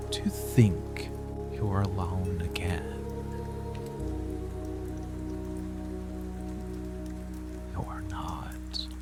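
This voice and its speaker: A man heavily acts the part of a possessive dark monster boyfriend who watches protectively from hiding, with rain and music in the background. His low, gravelly voice is a breathy murmur often close to a whisper, hushed and possessive. The delivery is slow and deliberate, with long pauses.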